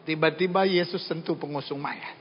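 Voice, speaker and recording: A male pastor preaching a humorous sermon in a large church hall. He punches his lines with shouted emphasis and comic asides. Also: on the high side, fairly even intonation, normal speed. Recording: dull sound, hall reverb, band music.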